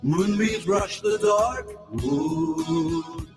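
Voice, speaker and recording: A man and a woman sing together in duet at an extremely slow, gentle pace. Each line is drawn out as a sung ballad. The recording rings with echo, and a loud guitar plays along. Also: mid-range voice.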